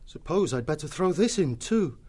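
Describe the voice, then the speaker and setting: A man voicing an earnest young male creature from an abbey, speaking calmly and pleading. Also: fairly high pitch, normal speed, slightly rough, voice pushed up.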